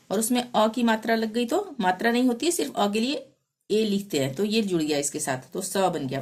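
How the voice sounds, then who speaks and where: A woman teaching a language lesson, reciting syllables one by one and calmly explaining how each is spelled and pronounced. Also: on the high side. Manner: patient and methodical, spelling out sounds one by one.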